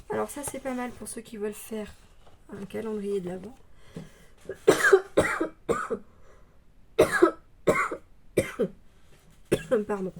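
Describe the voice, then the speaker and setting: A woman vlogger chatting casually about scrapbooking papers, hesitant with many fillers, pausing to read labels aloud slowly. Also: medium pitch, slight background noise. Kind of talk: casual show-and-tell haul. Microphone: phone.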